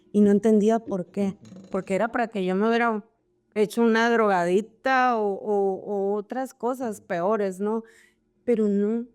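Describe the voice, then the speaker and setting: A woman's voice: mid-range voice, dark tone, clean tone. A woman who is an interview guest, telling her life story in an emotional way and repeating words as she remembers. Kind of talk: personal life story in conversation.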